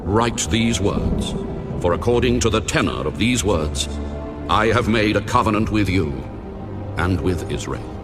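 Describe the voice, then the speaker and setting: An actor playing God as a solemn, commanding lawgiver in a dramatized audio Bible, declaiming with authority. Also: male voice, fairly low pitch, animated, a little slow, music in the background. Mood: stern, commanding.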